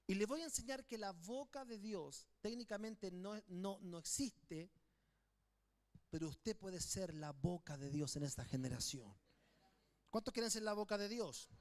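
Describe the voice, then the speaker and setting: A man preaching as pastor to a congregation in a church, calling on them to repeat after him and swinging between loud declarations and quiet, slowed phrases. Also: sits high. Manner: emphatic preaching with call-and-response to the congregation. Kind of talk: sermon.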